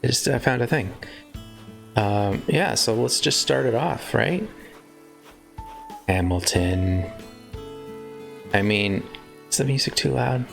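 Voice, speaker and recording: A man's voice: medium pitch, slow pace, gravelly, long pauses. A man chatting casually on a live stream, rambling and breaking off mid-sentence to joke. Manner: chatty, rambling, self-interrupting. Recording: faint guitar music behind.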